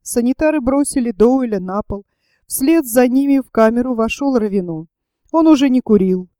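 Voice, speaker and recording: Woman narrator, audiobook reading, raised pitch, dark mellow tone, dry close sound. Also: dry recording. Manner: steady, measured reading.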